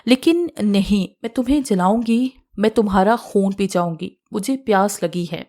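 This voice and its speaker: A woman's voice: medium pitch, a little mellow, lightly acted. A woman voicing the vengeful ghost of a young woman in an audiobook horror story, read dramatically.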